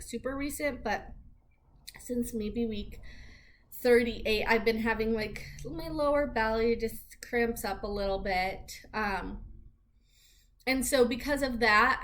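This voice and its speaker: Chatty young woman with a higher-pitched voice. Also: a bit bright, slight background noise. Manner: chatty and informal, heavy use of "like". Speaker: vlogger giving a pregnancy update. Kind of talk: casual rambling vlog chat.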